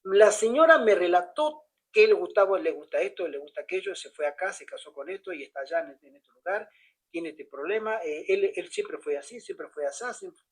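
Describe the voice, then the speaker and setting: A man's voice: sits high, fairly quick, slightly rough, poor audio. A man telling a personal story in casual conversation, acting out the other people's lines as he goes. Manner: animated, acts out the dialogue of others. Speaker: pastor.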